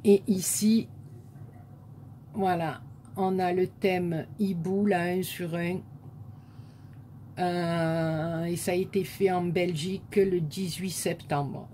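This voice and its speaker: Low, slow-talking woman with a southern French accent. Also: flat delivery, warm tone, a little hiss or hum. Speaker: scrapbooking vlogger. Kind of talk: casual show-and-tell chat.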